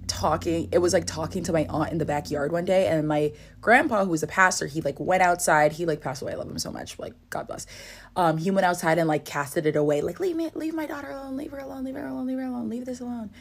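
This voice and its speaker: A woman's voice: lowish voice, quick pace, creaky. A woman telling a spooky family story in casual chat, rambling with many fillers and sometimes dropping to a whisper.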